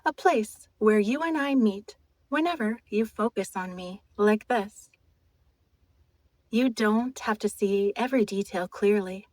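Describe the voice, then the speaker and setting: A woman leading a guided hypnotic trance in a soft, intimate, mesmerizing manner, soothing, deliberate and gently commanding. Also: medium pitch, no room sound.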